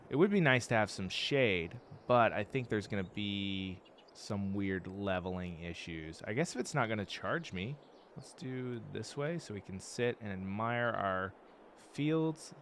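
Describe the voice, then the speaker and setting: Low-voiced man narrating a farming game. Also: unhurried. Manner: relaxed, chatty thinking aloud. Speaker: gaming channel host. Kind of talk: let's-play commentary. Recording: game sounds and vehicle noise behind.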